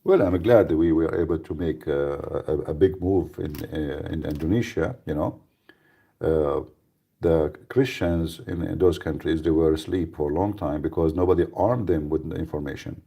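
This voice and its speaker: A radio show host talks live in a blunt, emphatic manner, frequently repeating himself and starting sentences over. His very low voice is gravelly and husky, with a dark, mellow tone, and he speaks at a moderate pace.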